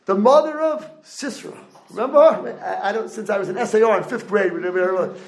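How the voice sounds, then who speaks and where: A man giving a Torah lecture, animated, asking the audience rhetorical questions. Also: high voice, fast talker, gravelly, echoey room, poor audio. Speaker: rabbi lecturer.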